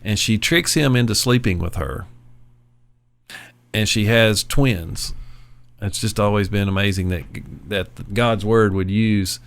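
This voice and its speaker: A man co-hosting a casual faith podcast, telling Bible stories in a relaxed, conversational way. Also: fairly low pitch, unhurried, creaky. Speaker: co-host. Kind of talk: casual chat, Bible teaching.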